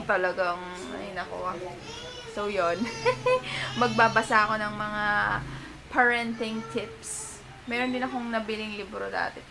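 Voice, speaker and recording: Young mom vlogging at home, noisy. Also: female voice, medium pitch. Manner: coos baby talk to her toddler, then chats frankly to camera. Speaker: vlogger, first-time mother. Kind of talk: casual home vlog chat.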